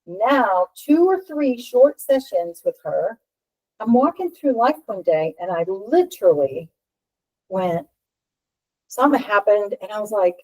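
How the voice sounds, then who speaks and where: A middle-aged woman telling her own story in a casual, animated way, laughing often and acting out what people said. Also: medium pitch, a little slow, low-quality recording. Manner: animated, laughing, acts out quoted voices. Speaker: featured healer guest.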